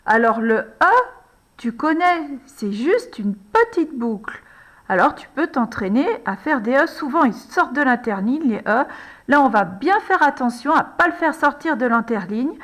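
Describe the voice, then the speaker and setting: A woman slowly and patiently guiding a young child through a handwriting lesson, one letter and one word at a time. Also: sits high, lively intonation, a bit bright. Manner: patient, addresses the child as tu, frequent "alors" and "hein". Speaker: handwriting teacher.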